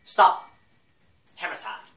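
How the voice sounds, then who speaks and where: A woman's voice: slow pace, a bit bright, faint music behind. A woman hosting a gaming channel, giving playful, giggly commentary while she plays. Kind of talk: casual game commentary. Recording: echoey room, distant mic, faint hiss.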